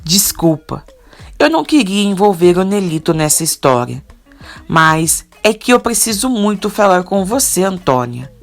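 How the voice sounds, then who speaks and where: A woman's voice: medium pitch, sing-song, moderate pace, soft background music. Earnest young man in love, read by a woman.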